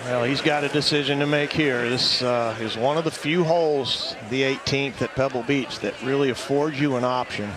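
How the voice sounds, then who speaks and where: A man giving conversational, unhurried golf commentary as an analyst, in short phrases. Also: mid-range voice, fairly even intonation. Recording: outdoor crowd and background noise.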